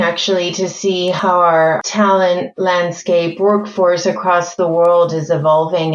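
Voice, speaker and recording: As a guest on a podcast, a corporate learning executive speaks in a fairly low voice with a measured, articulate manner, thinking aloud with fillers. France-born and raised mainly in Spain, she has a mixed French, Spanish, American and British accent. The recording sounds roomy and lo-fi.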